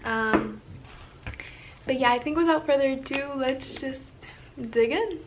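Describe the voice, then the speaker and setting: A woman's voice: sits high, unhurried, recorded from a distance, noisy background. A woman chatting casually in an eating vlog, loose and full of ums and likes. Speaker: vlogger.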